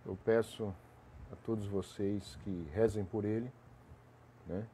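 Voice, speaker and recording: A man's voice: on the low side, fairly even intonation, slow, dark tone, slight background noise. A man with a cold, sounding congested, hosting a casual live stream, greeting viewers by name as he rambles with restarts.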